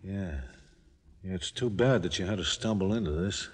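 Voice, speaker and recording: Terse, low-voiced radio crook. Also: male voice, moderate pace, husky. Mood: menacing. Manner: terse, slangy. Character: tough male crook in hiding, curt and menacing. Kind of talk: 1940s radio crime drama acting.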